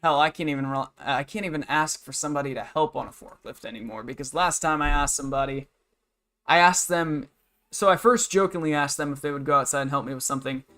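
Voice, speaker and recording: Venting about his job during a rambling, casual stream, a man in his twenties speaks bluntly and matter-of-factly. His voice is a little high and sharp in tone, and he talks at a quick pace.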